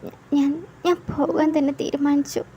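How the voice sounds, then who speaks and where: A tearful young woman on the verge of leaving home, her voice high and mellow. She stammers and chokes up, speaking softly through the tears, as a woman storyteller puts her on. A storybook audio tale. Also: little pitch movement, moderate pace, slight background noise, natural voice, poor audio. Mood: resolute. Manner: stammering, soft and hesitant. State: crying.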